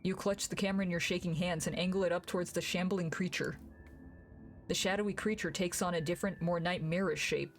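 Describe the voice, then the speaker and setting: A woman's voice: fairly low pitch, fairly even intonation, brisk, soft background music. A woman streamer reading a visual novel game aloud live, playfully, with casual asides. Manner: playful, acts out dialogue.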